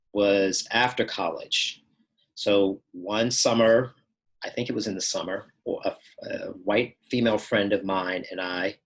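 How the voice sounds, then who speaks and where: Low-voiced man recalling his experiences. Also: fairly bright tone, poor audio. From Texas, United States. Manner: measured and reflective, with pauses and small restarts. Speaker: storyteller recounting personal experiences. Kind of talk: first-person account.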